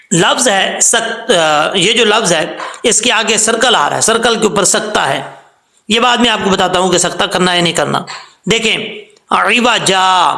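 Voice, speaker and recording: A man with a high, bright, gravelly voice teaches Quran recitation with patient step-by-step explanations. He stretches words slowly and breaks into melodic chanting for the verses, and the room around him is echoey. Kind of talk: tajweed lesson.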